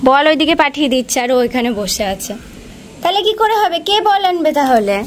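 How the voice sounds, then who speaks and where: A woman from West Bengal, hoarse with a cold, chatting to her vlog audience and gently coaxing her small daughter at home. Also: high-pitched, sing-song, fairly quick, a little hiss or hum. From West Bengal, India. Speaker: vlogger mother. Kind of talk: casual home vlog talk to camera and child.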